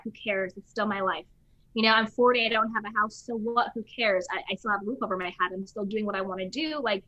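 Her voice is a little high with a sharp tone as she hosts a podcast, talking casually but emphatically and performing the voices she quotes. There's no room sound, and the audio is slightly dull and lo-fi.

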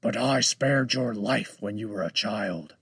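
A man voicing a menacing giant talking male shark in a storybook, speaking with slow, heavy, drawn-out menace. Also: fairly low pitch, gravelly, a bit bright, breathy edge, no echo, studio quality, exaggerated voice. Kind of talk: storybook read-aloud.

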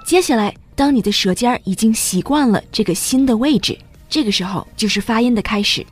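A woman's voice: a little high, fairly quick, faint music behind. A woman teaching English pronunciation in a patient, step-by-step scripted narration, switching between two languages.

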